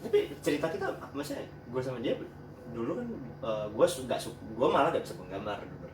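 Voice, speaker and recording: Lively Jakarta man hosting a chat. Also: medium pitch, fast talker. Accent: Jakarta Indonesian. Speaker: host. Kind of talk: casual group chat. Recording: echoey room, distant mic, clear noise.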